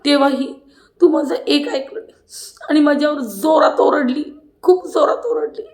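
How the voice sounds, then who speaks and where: A woman acting out a hurt older sister, pleading, raised pitch, roomy echo. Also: moderate pace, gravelly, a little mellow. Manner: pleading, indignant, tearful. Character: hurt adult woman complaining to a younger housemate.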